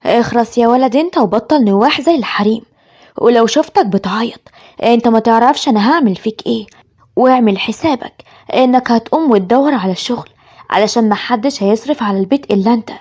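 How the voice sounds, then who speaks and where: A woman's voice: a little high, fast, lightly acted. A woman doing a cruel Egyptian mother. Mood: harsh. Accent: Egyptian Arabic. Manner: scolding, shouting orders. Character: cruel older mother, harsh and scolding.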